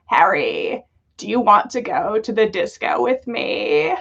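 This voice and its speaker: A woman's voice: mid-range voice, animated, a little slow, vocal fry, a bit bright, husky, heavily acted. Timid, lovestruck teenage schoolgirl for story reading played by a woman, faltering delivery, dull lo-fi recording. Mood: nervous. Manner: hesitant, stammering. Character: shy, tearful, smitten teenage schoolgirl. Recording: dull lo-fi livestream audio.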